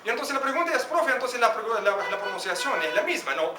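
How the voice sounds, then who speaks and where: A man teaching an Arabic lesson to a class, asking students questions by name and drilling pronunciation slowly. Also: very high-pitched, big pitch swings, background noise. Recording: echoey classroom from a distance.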